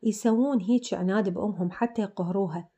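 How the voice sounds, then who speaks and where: A woman's voice: medium pitch, fast, dark tone, breathy edge. Chatty Iraqi woman telling a story. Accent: Iraqi Arabic. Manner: chatty, addresses listeners directly. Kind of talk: casual storytelling narration.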